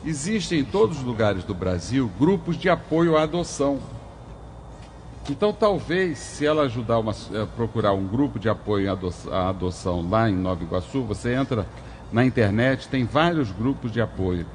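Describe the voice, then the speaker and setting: A man's voice: medium pitch, lively intonation, moderate pace, a little hiss or hum. An older man, a former judge hosting a legal talk show, who gives earnest warnings and advice. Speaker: host and former juvenile court judge.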